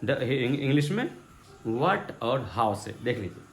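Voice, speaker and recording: A man's voice: medium pitch, very animated, slow pace. A man teaching English grammar in Hindi to a class, acting out his examples and asking the class repeated questions. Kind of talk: classroom lesson explaining. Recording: echoey room with faint background noise.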